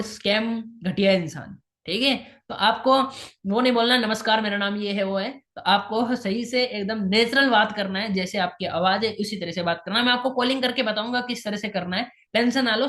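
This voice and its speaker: A woman's voice: mid-range voice, a bit bright, echoey room. A woman teaching how to invite people, repeating key points and dropping in English phrases. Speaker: sales trainer. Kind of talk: instructional talk on invitation skills.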